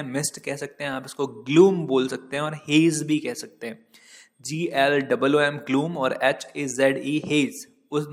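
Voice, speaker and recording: A man teaching vocabulary from slides, slow and patient, spelling each word out letter by letter and stopping to correct his own typos. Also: on the high side, long reverb tail. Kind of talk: slide-based vocabulary lesson.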